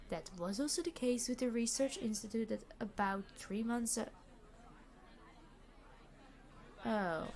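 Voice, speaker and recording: A woman performs a scripted ASMR roleplay as a weary immortal supervillain, an exasperated boss who still treats hostages gently. Her voice sits on the high side, and she speaks formally with dry sarcasm in a wry, musing mood.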